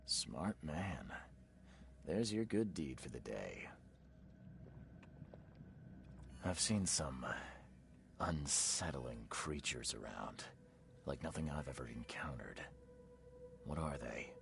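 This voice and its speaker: Noir detective for a game, super deep gravelly, dry and world-weary, faint music behind. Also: male voice, expressive, takes it slowly, long pauses, fairly bright tone, a little hiss or hum, heavily acted. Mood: curious, wary. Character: dry, skeptical, tough noir male investigator. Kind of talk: video game character acting.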